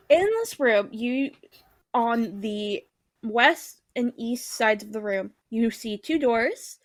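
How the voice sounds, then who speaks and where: A woman with a slightly high voice runs a tabletop game in a brisk, matter-of-fact way. Her sound is dry and close, with keys tapping faintly behind her. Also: dry recording. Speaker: game master.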